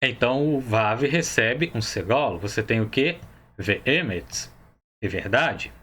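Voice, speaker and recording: A man's voice: medium pitch, lively intonation, slow, fairly bright tone, husky. A man with a Brazilian Portuguese accent teaching a Hebrew grammar lesson, explaining each step patiently and often checking that the viewer follows.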